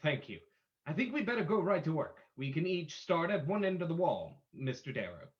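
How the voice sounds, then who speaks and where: Commanding radio-drama sleuth , male actor: formal, theatrical, highish voice, widely swinging pitch. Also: very animated, brisk. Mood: brisk, composed. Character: the Shadow, commanding unseen crime-fighting sleuth, adult man. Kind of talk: old-time radio drama reading. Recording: dull lo-fi audio.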